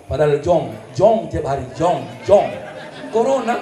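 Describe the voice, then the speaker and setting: A man's voice: fairly high pitch, a little slow, some chatter behind. A man preaching a comedic sermon at a religious celebration, with a North Sumatran accent, joking and acting out quarrels between couples. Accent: North Sumatran Indonesian. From North Sumatra, Indonesia. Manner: lively, joking, acts out quarrels, sings snatches. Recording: echoey hall with faint noise.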